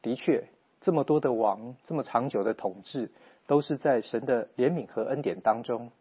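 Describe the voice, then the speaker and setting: A man giving an earnest, measured Bible teaching talk with rhetorical questions, on a slightly dull, lo-fi recording. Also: mid-range voice, husky. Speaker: preacher.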